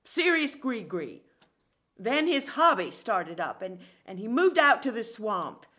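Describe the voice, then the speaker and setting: A woman's voice: fairly high pitch, very animated, unhurried, bright, forceful tone, exaggerated voice. An actress playing a secretive mother who stammers and hesitates when pressed about the past, in an audio drama. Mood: evasive. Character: worried secretive mother of grown daughter.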